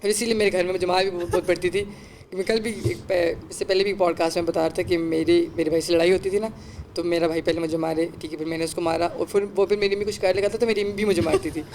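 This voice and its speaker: A man's voice: sits high, steady tone, darkish tone, slight background noise. A young man hosting a podcast, telling a rambling story in casual chat and mixing English words into his speech. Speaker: podcast host.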